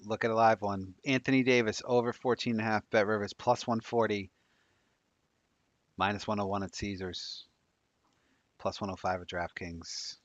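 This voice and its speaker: Thirties man, very low voice, quick chatty odds talk, dry lo-fi sound. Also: steady tone, no echo. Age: 30s. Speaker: sports betting show co-host. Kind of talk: casual live-stream chat. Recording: dry, dull lo-fi mic.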